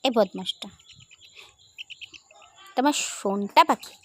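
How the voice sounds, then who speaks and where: A woman's voice: mid-range voice, takes it slowly, slight background noise. A woman talking playfully to her pet bird, scolding it in a mock-stern, affectionate baby talk and repeating her phrases in a singsong way.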